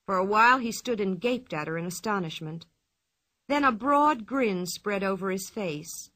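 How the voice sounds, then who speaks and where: A woman reading a children's storybook aloud in a clear, expressive, measured way. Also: mid-range voice. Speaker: narrator.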